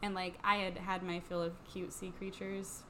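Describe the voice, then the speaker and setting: A young woman with a slightly low, cold-roughened voice chats loosely on a podcast, rambling through stories and breaking into laughter. A faint hum of room sound sits behind her. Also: level tone, moderate pace, sharp tone. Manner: chatty, rambling, laughs often. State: hoarse from a cold. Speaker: podcast co-host. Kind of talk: casual podcast chat.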